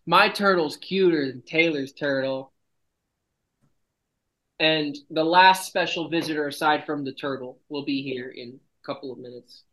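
A man's voice: on the high side, a little slow, a bit bright, low-quality recording. A man hosting a casual podcast chat, brash and joking, swearing often, while feeling sick and nauseous. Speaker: podcast host.

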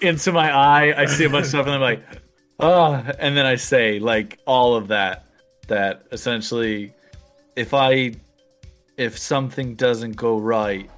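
A man at mid pitch playing a tabletop game. He thinks aloud hesitantly and restarts his sentences. Faint music is heard behind him. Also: a bit bright. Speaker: player. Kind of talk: casual tabletop play.

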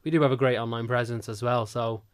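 Guest spot: man from Manchester, quick and crisp, chatty and rambling as he tells how he started. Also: mid-range voice, steady tone. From Manchester, England. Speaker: cheerleading club founder and coach. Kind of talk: casual interview answers.

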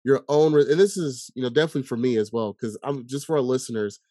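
A man's voice: medium pitch, quick pace, dark tone, no room sound, studio quality. A man hosting an interview, asking long rambling questions full of "you know". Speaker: podcast host. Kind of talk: conversational interview.

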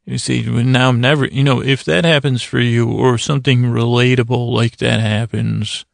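A podcast host with a heavily fried, gravelly, mid-pitched voice delivers a rambling bedtime monologue meant to lull listeners to sleep. Gentle, soothing and flat, he wanders and stumbles through halting, self-interrupted thoughts. The recording is dry and echo-free.

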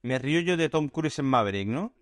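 A man co-hosting a casual podcast, with a middle-pitched voice. He jokes and teases his partner playfully. The recording is close and dry, with no room sound. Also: expressive, fairly quick, no room sound. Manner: joking, playful teasing. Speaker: podcast co-host.

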